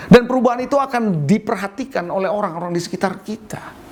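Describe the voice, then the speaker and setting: A middle-aged man from Indonesia preaching a lively sermon, calling out to the congregation for responses and acting out quotes. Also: sits high, fast talker, a little hiss or hum. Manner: lively preaching with audience call-outs and acted quotes. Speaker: pastor.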